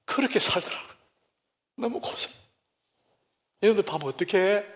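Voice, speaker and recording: A man, a senior pastor, preaching a sermon through lively, humorous stories. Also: sits high, moderate pace. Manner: lively anecdotal storytelling, humorous.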